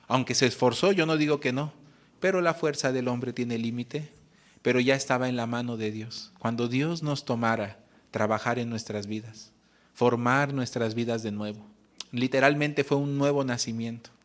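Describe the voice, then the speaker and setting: A man preaching in church. He gives earnest testimony and often pauses to restart a phrase. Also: medium pitch. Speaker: pastor. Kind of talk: sermon.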